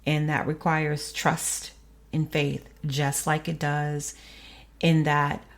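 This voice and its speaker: A woman hosting a faith podcast, speaking in an earnest, measured, preacherly way. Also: deep voice, level tone. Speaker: podcast host. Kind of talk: reflective faith podcast monologue.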